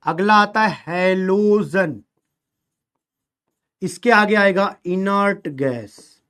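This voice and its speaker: A man's voice: sits high, a bit bright. A male chemistry teacher lecturing a class, drilling students with call-and-response questions in a colloquial, teasing way.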